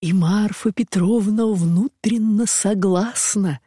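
A woman's voice: mid-range voice, slow, dark tone, husky, no room sound, studio quality. Klim Sidorovich, a woman doing a fussy, flustered country squire. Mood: confiding. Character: flustered, evasive provincial landowner and father.

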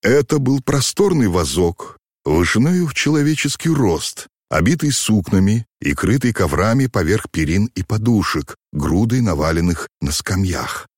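A man narrating an audiobook in an expressive storytelling manner. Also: sits low, no room sound, clean studio sound. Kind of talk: scripted narration.

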